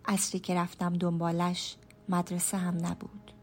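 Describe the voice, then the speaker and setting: A woman's voice: lowish voice, monotone, slight background noise, natural voice. A woman voicing a frail, trembling dying grandmother. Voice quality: trembling, faint voice. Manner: weak, pleading. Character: frail dying grandmother, worried for her lost daughter.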